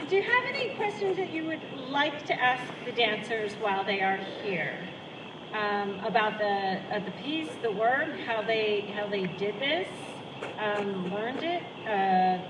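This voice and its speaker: A fairly high-voiced woman hosts a loose post-show Q&A outdoors, chatty and prone to stopping and restarting her sentences. She holds the mic too far away, so she sounds distant and echoey under loud passing traffic. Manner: chatty, rambling, self-interrupting. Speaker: choreographer and director hosting a post-show Q&A. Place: outdoor performance space. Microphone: handheld mic held away from mouth.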